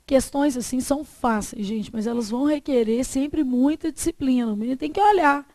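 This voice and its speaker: Brazilian lady teacher going over exam questions, highish voice with some gravel, lively. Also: moderate pace, dry recording. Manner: lively, asks the class questions and answers them herself. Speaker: Portuguese teacher. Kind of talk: classroom lesson on exam questions.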